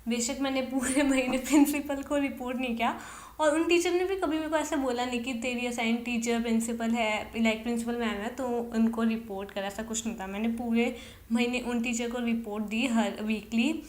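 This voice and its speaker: Young woman, podcast host, chatty storytelling, mixes in English phrases, fairly high voice, echoey bedroom. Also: steady tone, moderate pace. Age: young adult. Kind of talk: casual storytelling.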